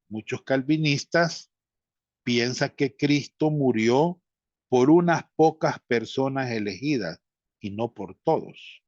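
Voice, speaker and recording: Guy teaching a bible lesson, really slow and careful, dry muffled sound. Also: mid-range voice, no room sound. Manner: slow, deliberate teaching, addressing listeners as brothers.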